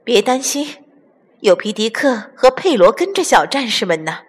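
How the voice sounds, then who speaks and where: A woman voicing a wise, calm mother hen who explains and reassures in a storybook, with long reverb. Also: a little high, normal speed, breathy edge, voice pushed up.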